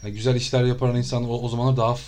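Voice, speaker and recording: A man in relaxed conversation who talks quickly and stumbles over his words, repeating the start of a word before it comes out. His speech is loose and joking, like a storyteller. His pitch sits in the middle range. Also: a little hiss or hum. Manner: stammers, restarts words often. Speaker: traveler telling trip stories. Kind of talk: casual chat.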